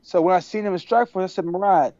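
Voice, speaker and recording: A man from Texas, a podcast guest on a video call, telling stories in a casual, animated way and acting out the dialogue. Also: high voice, fast talker, dry recording. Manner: animated, acts out quoted dialogue. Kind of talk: casual storytelling. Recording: dry, dull video-call audio.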